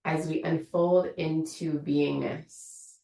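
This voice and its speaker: A woman meditation teacher with a low, gravelly voice talks listeners through a practice in an online yoga studio's room. Her tone stays steady and her guidance is slow, soothing and invitational, and the distant mic lets the room's echo come through.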